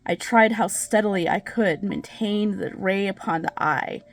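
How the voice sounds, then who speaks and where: A woman's voice: medium pitch, unhurried, faint music behind, natural voice. Lady doing a crazed nervous killer confessing, hammy stage actor style, gothic horror story, midrange voice. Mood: agitated, insistent. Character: crazed, nervous murderer confessing with gleeful, obsessive intensity.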